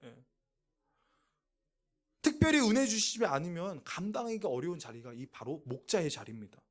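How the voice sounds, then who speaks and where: Male youth pastor, animated sermon style, bright and high-pitched delivery. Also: normal speed. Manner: animated, asks the audience questions and answers them. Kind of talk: sermon to teenagers. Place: church youth service, also streamed online.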